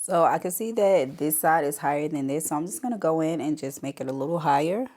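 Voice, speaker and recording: Stuffy and congested from a cold, a female beauty vlogger chats casually through a makeup tutorial, calling her viewers "y'all" directly. Her voice is low, warm and brisk with lively intonation, and soft music plays in the background.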